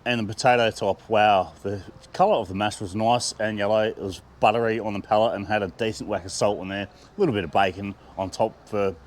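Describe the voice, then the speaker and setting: A man's voice: fairly low pitch, steady tone, a little fast, few pauses. A man with an Australian accent, chatting with enthusiasm as he reviews food and laughing often. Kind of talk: casual food review vlog.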